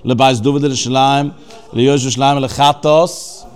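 A man's voice: mid-range voice, steady tone, normal speed, a little hiss or hum. A man teaching a religious text, explaining its Hebrew terms phrase by phrase in a conversational way. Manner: conversational, with restarts and fillers. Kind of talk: text study lesson.

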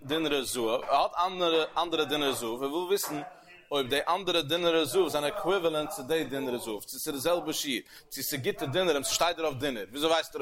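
A man giving a Talmud lecture as a religious teacher, animated, with sweeping rises and falls in pitch. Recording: crowd heard behind the voice. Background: crowd murmur.

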